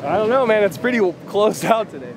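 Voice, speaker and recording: High-pitched frat bro surfer guy. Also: lively intonation, fast talker, crowd noise. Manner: laid-back frat bro, surfer slang. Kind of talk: casual chat and excited commentary. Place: outdoors on a beach and car park. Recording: windy outdoor beach recording, surf noise.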